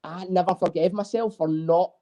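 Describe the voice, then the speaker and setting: A man, a guest drummer, telling animated, swear-filled stories in a casual interview. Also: high-pitched, moderate pace, highs cut off. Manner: animated storyteller, swears freely.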